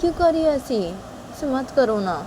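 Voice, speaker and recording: A woman putting on a young woman who pleads over and over, her voice raised high and insistent. A steady hum of air conditioning runs behind. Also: moderate pace. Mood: pleading. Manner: pleading, repeating questions.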